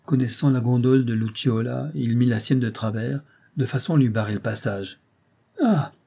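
A man narrating a classic tale as an audiobook in a measured, literary way. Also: medium pitch, steady tone, creaky, mellow.

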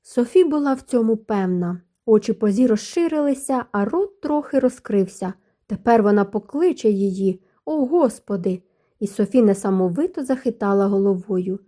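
Dark-toned woman narrating a novel. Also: mid-range voice, normal speed. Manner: even, storytelling delivery. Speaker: audiobook narrator. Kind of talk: scripted narration.

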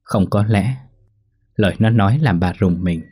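A man narrating a ghost story in a slow, somber storytelling manner. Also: fairly low pitch, mellow, breathy edge.

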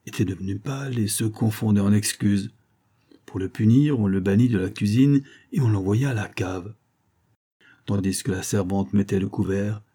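A man calmly narrating a novel as an audiobook reader, measured and even. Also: on the low side, husky.

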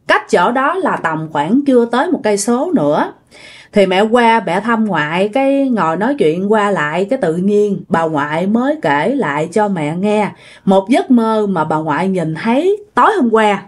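A woman's voice: medium pitch, sing-song, normal speed. A woman with a Southern Vietnamese accent narrating ghost stories in a chatty way, speaking directly to her listeners. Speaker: storyteller.

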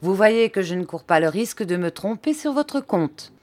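A woman's voice: mid-range voice, lively intonation, normal speed, a little mellow, close to an everyday voice. A woman reading an audiobook, voicing an arrogant teenage schoolboy who speaks with cold disdain. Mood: contemptuous.

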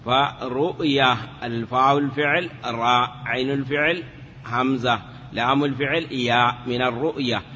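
A male teacher giving a step-by-step Arabic grammar lesson, asking the class questions and drawing words out slowly. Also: mid-range voice, steady tone, pushed and bright. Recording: lo-fi, hall reverb, faint noise.

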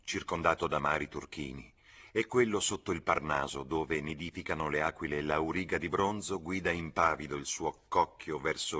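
Very deep, husky male reader. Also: sharp tone. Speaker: audiobook reader. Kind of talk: literary reading.

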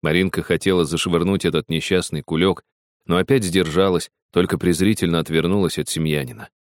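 A man narrating a story in a measured, expressive reading. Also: sits low, no echo, studio quality. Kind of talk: audiobook reading.

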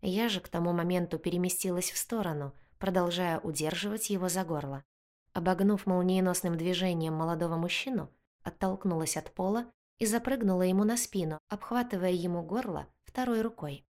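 A woman reading a first-person fantasy story aloud with expressive storytelling. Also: on the low side. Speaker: audiobook narrator.

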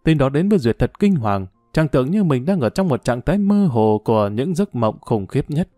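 A man narrating a story audiobook in a steady, measured way. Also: medium pitch, no room sound, studio quality, faint music behind.

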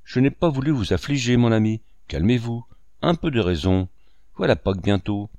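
A man reading the part of a composed village priest who speaks calmly, dryly and firmly. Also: medium pitch, normal speed, dry recording, lightly acted. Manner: calm, dry and firm.

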